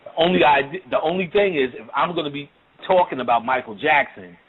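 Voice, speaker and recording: A man with a fairly high, lively voice talks briskly through a casual, profane lecture on the occult, rambling loosely and often asking "you know what I'm saying?" The audio is tinny, like a phone.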